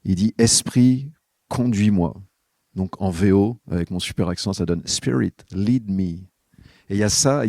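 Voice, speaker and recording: Man, lowish voice, warm and dark tone, reflective homily, conversational, talks straight to listeners. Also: dry recording, clean studio sound. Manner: conversational, addresses listeners directly. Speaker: podcast speaker on spiritual life.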